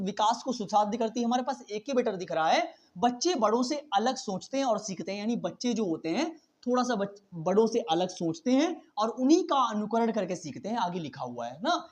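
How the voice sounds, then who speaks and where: A man teaching an exam-prep lesson at a very fast pace, chatty and casual, mixing in English terms and often checking in with his students. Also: high voice, darkish tone. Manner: very fast talker, says he cannot slow down.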